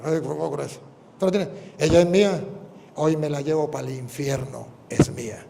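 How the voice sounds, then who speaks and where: A man's voice: fairly high pitch, normal speed, gravelly, mellow, in a large hall, a little hiss or hum. A man voicing a scornful male demon that possesses a woman, taunting and defiant. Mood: low menace.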